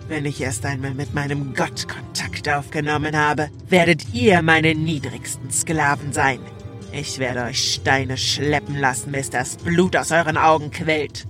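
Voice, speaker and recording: Imperious undead demon-lord mummy queen, slow. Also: low-pitched, fairly even intonation, music in the background. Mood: menacing. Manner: commanding, menacing demon-lord grandeur. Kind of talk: audio drama villain acting.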